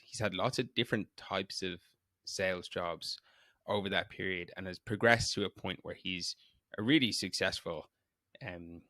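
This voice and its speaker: A man with a lowish, very creaky voice hosts a podcast in a conversational way. The recording is dry, with hardly any room sound. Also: pushed and bright, no echo. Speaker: podcast host. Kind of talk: conversational podcast introduction and interviewing.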